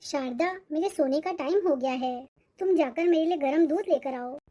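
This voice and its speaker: A woman voicing a nagging, demanding old grandmother who scolds in shrill complaints, for a cartoon. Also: normal speed, warm tone, natural voice. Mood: bossy. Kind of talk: cartoon voice acting.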